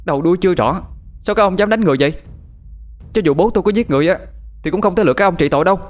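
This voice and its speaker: A man's voice: mid-range voice, very fast, a little mellow, soft background music, voice pushed up, natural voice. A man voicing a nineteen-year-old village girl who pleads and scolds in a raised voice. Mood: fierce.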